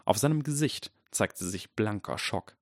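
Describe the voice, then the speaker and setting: A man reads a story aloud in a calm, even way. His voice is very low and deep, and the recording is dry and close with no room sound. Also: unhurried, no echo. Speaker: narrator. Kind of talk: audiobook reading.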